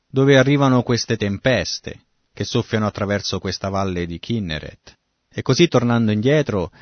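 A man's voice: on the low side, dry recording, dull audio. A man preaching a sermon, reading scripture and explaining it, now and then acting out the quoted lines. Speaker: pastor. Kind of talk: sermon, Bible exposition.

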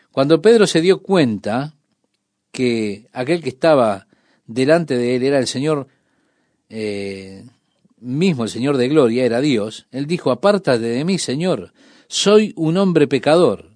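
A man preaching a sermon on the radio, speaking in a measured, emphatic way and addressing the listener directly. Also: mid-range voice, darkish tone, dry recording, clean studio sound.

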